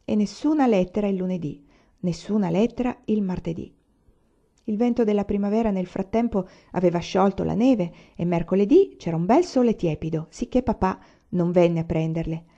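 A woman reading a novel aloud in a steady, even storytelling manner. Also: mid-range voice, moderate pace, highs cut off. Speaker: audiobook reader.

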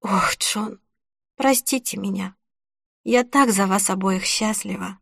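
A woman reading a soft, tearful young woman. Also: mid-range voice, slow, gravelly, slightly rough, dry recording, clean studio sound, full character voice. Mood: apologetic, tearful. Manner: soft, sniffling, apologetic. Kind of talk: audiobook character reading.

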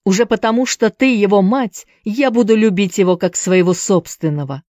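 A woman's voice: medium pitch, normal speed, darkish tone, dry recording, studio quality, close to an everyday voice. Woman voicing a passionate young man pleading with his lover. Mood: urgent pleading. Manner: insistent, urgent pleading.

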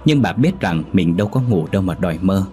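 A man reads a scripted horror story. His voice sits very low, and his delivery stays steady, measured and grave. Soft music plays faintly behind him.

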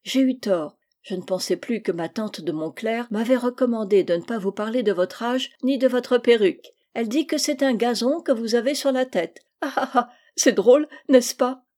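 A woman's voice: a little high, normal speed, few pauses, warm tone, voice pushed up, close to an everyday voice. A woman voicing a spoiled, sly little girl in a storybook reading, petulant and wheedling.

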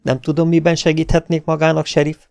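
A man doing a proud young rancher, higher voice. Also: completely flat delivery, vocal fry, darkish tone, smooth, dry recording, studio quality. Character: young male rancher, proud and self-assured. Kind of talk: audiobook dialogue.

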